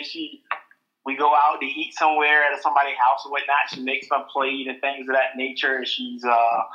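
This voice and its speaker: A man in his late thirties, a podcast guest, recalls his marriage in a relaxed, halting, self-deprecating way. His voice sits a little high and sounds very bright and tense. The recording is muffled and lo-fi. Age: 30s. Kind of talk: casual storytelling. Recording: muffled lo-fi audio.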